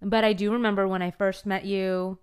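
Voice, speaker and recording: A young woman co-hosts a podcast in relaxed, friendly chat. Her voice is smooth and clear at a middle pitch. She laughs easily as she tells stories. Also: a little fast. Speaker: podcast co-host. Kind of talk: casual chat.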